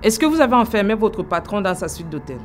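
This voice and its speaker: A woman's voice: medium pitch, big pitch swings, fast talker, soft background music. Declamatory woman lawyer. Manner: firm, declamatory. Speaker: actor playing a lawyer. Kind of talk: comedic courtroom sketch.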